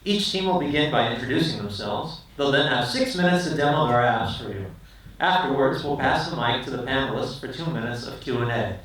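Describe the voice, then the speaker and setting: A man's voice: mid-range voice, lively intonation, brisk, fairly bright tone. A man hosting the event, announcing the program in a cheerful tone. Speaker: event host. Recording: distant echoey hall with an audience.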